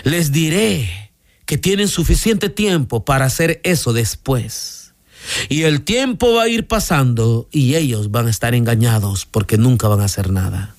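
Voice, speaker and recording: A man's voice: a little slow, dry recording, clean studio sound. A man voicing a sly, patient male demon who tempts people to put things off. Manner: calm, sly and low.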